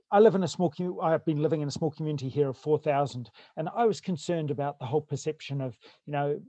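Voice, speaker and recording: A man's voice: fairly high pitch, mellow, dry recording, dull audio. A middle-aged man, a rural family doctor from New Zealand, speaking frankly and thoughtfully in a webinar over a video call. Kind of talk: webinar talk.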